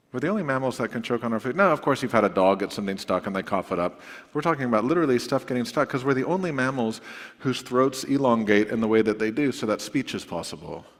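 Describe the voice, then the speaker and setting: A man preaching a sermon as pastor in a relaxed, conversational way, drifting into playful asides. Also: fairly low pitch. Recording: long hall reverb.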